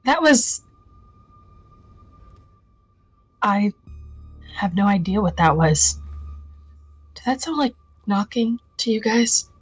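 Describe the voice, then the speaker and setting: A woman's voice: medium pitch, expressive, measured pace, breathy edge, no echo, poor audio. A woman plays a laid-back young woman who jokes her way through spooky places, in a fan voice drama. Her voice sits mid-range, and the recording is dry, with faint music underneath. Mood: puzzled. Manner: cheerful, joking and unbothered. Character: upbeat young woman ghost hunter.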